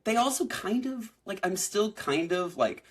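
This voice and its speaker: Husky-voiced man in his thirties. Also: sits high, big pitch swings, unhurried. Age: 30s. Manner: rambling, filler-heavy. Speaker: podcast co-host. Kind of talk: casual chat.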